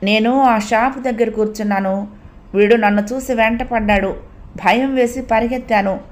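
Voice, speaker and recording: A woman's voice: on the high side, fairly even intonation, normal speed, lightly acted. Woman voicing a frightened, pleading young woman. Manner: pleading, anxious. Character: frightened, helpless young woman alone at night.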